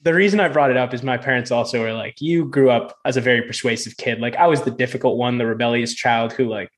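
A man's voice: medium pitch, fast talker. A young man hosting a podcast, asking long, loosely phrased questions with lots of fillers. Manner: asks long rambling questions with many fillers. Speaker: podcast host. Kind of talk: casual interview conversation.

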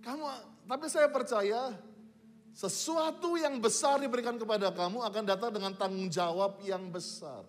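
A man's voice: high-pitched, moderate pace. A man preaching a sermon as a pastor, emphatic and drawn out, mixing in English phrases. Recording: long reverb of a large hall.

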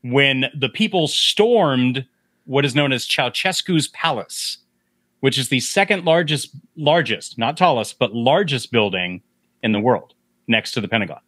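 Speaking a little slowly in a medium-pitched voice, a man hosts a casual podcast about a film, and the recording is dry. He's animated throughout and whispers breathily when he acts out lines from the movie.

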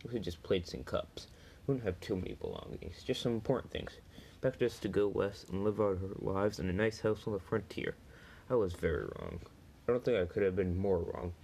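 A man's voice: on the low side, fairly quick, gravelly, dark tone, slight background noise, poor audio. A man reading a first-person story aloud, plainly, with small slips and restarts.

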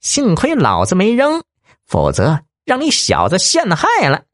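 A man doing a shrill, swearing kidnapper. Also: huge pitch swings, a little slow, no room sound, clean studio sound, exaggerated voice. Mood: rough, nervous. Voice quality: thin, shrill. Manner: coarse, swearing, jittery. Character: squeaky-voiced rough male kidnapper. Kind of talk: audiobook character voice.

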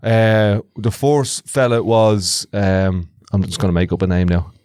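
A man's voice: on the low side, flat delivery, measured pace, darkish tone, clean tone, dry recording. An Irish-accented man talking casually and reflectively as co-host of a podcast.

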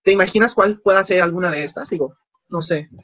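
A man's voice: high-pitched, quick pace, dry recording, highs cut off. A man, casually telling stories in an interview and acting out the dialogue. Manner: animated, acts out quoted dialogue. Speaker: guest.

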